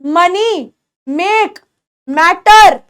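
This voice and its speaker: High-pitched Indian woman teaching slowly. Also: expressive, fairly bright tone. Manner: patient, repeats example words slowly and checks understanding. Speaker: English teacher. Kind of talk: beginner English pronunciation lesson.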